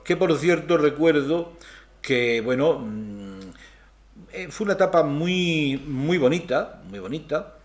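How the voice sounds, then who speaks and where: An older man from Spain, a guest in an interview, telling stories from his childhood in an unhurried, hesitant way with many fillers. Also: on the high side, lively intonation. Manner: rambling, hesitant storytelling. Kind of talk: casual interview.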